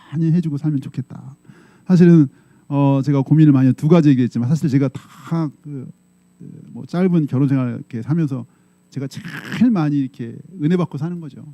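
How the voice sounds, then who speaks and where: A medium-pitched, warm male voice, a little fast and recorded dry, comes from a middle-aged pastor preaching a conversational sermon in a church sanctuary. He often checks in with the congregation, acting out quoted voices in quick, dramatic bursts.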